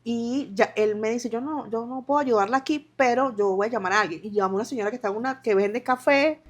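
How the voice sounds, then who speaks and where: A woman from Venezuela in her thirties gives emotional personal testimony in an interview. Her voice sits a little high, and she speaks haltingly, restarting phrases and acting out what others said to her. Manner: halting, with restarts and quoted dialogue. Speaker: interview guest.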